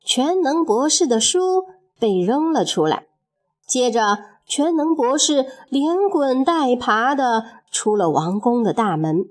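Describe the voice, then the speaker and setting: Woman reading a kids story, slow and sing-songy, kinda high. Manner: expressive, measured storytelling. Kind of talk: children's story narration.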